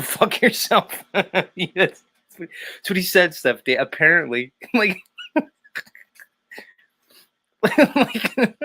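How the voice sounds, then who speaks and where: A man's voice: a little high, pushed and bright, no room sound. Guy streaming, crude and jokey, laughs a lot, dry close mic. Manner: crude, mocking, laughs often. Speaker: streamer host. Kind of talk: casual livestream chat.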